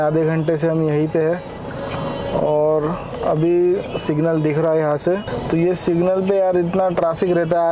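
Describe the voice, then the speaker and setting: A man in his forties from India chats his way through a daily travel vlog on a lapel mic. He rambles with easy fillers and sounds a little unwell. His voice sits a touch high and stays flat, with steady vehicle and street noise behind him. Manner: chatty, rambling, fillers like yaar. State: unwell, upset stomach. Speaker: vlogger. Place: home, car, roadside eatery. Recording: noisy background, road and vehicle sounds.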